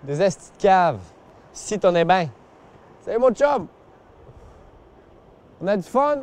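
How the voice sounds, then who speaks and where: Casting : un homme qui joue un gars du coin à l'accent québécois, argotique et décontracté, voix aiguë. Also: male voice, high-pitched, sing-song, slow, a little mellow, pitched below the performer's own voice, heavily acted. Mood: goguenard. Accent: Québécois, put on.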